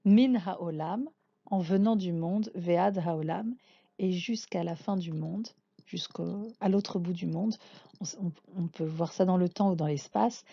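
A woman's voice: on the low side, normal speed, gravelly, warm tone, husky, no echo, dull audio. A woman teaching a language lesson, patiently naming and sounding out letters one by one. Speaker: Hebrew teacher. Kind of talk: slow spoken lesson.

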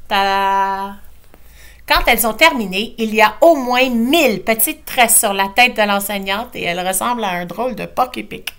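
A woman's voice: on the high side, normal speed, hardly any pauses, fairly bright tone. A woman teacher with a Quebec French accent, reading a picture book aloud expressively and drawing out repeated phrases.

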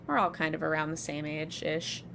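Brisk and gravelly, a low, steady female voice comes through over a noisy background. The speaker, a streamer in her twenties, chats casually with her chat during a live game stream at home, filling her talk with fillers and self-deprecating remarks.

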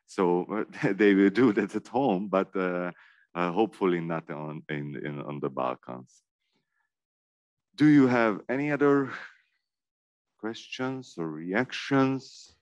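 Slow, deep-voiced hesitant man. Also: expressive, no room sound. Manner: very hesitant, many fillers and restarts. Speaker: panel moderator. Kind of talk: unscripted remarks at a panel workshop. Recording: muffled dry sound.

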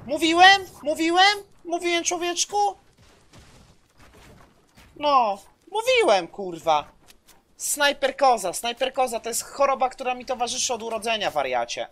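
High, lively man ranting over a game. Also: unhurried. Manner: loud, swearing, excitable, mixes in English phrases. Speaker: game streamer. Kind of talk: live gameplay commentary. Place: small room indoors. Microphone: headset.

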